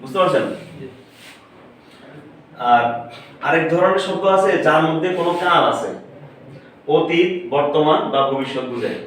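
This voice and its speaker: A man's voice: fairly high pitch, animated, normal speed, long pauses, a bit bright. A man teaching an Arabic lesson, often repeating words and quizzing his listeners on them. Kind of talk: classroom lesson. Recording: echoey room, far from the mic, faint noise.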